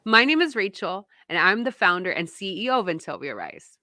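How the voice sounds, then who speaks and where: A woman in her thirties hosting a podcast, animated and laughing as she tells stories. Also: medium pitch, fairly quick, no echo, studio quality. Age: 30s. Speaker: podcast host and founder. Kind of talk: casual podcast chat.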